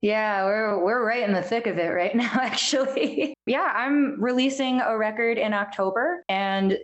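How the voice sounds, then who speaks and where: A woman's voice: on the high side, measured pace, dull audio. A woman musician in an interview, chatting casually and appreciatively. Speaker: band member, musician.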